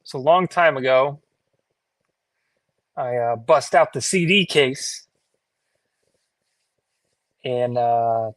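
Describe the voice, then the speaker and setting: A man telling a personal story casually, in a laid-back, halting conversational way. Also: medium pitch, no room sound.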